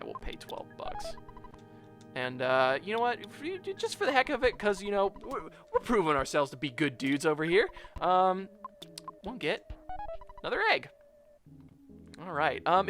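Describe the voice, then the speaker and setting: Animated, higher-voiced man doing game commentary. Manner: rambling, chatty, addresses viewers as guys. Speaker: gameplay video host. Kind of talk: casual let's play commentary.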